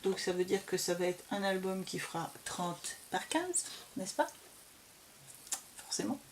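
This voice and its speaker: A woman's voice: medium pitch, animated, a little slow, slight background noise. A woman chatting casually and enthusiastically as she shows off scrapbooking papers, with lots of fillers. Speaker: crafting vlogger.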